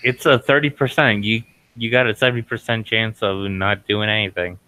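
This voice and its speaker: A man's voice: lowish voice, steady tone, moderate pace, sharp tone, clear, resonant tone, poor audio. A man narrating as game master, hesitant and full of fillers.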